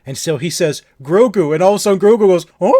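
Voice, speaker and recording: Excitable podcast guy rambling about a show, fairly high voice, dry close sound. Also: rapid-fire, no echo. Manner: enthusiastic, rambling with many fillers. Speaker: podcast co-host. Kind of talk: casual chat.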